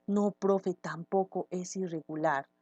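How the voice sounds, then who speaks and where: A woman's voice: fairly low pitch, fairly even intonation, slow pace, mellow, dry recording, muffled recording. A woman teacher acting out a pupil's answers during a grammar lesson. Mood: matter-of-fact.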